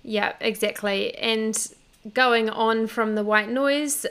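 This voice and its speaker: A woman co-hosting a podcast, explaining baby care steps in a casual, halting way. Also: on the high side, a bit bright, clear, resonant tone. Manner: explaining step by step, fillers and restarts. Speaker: podcast co-host. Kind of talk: casual advice chat.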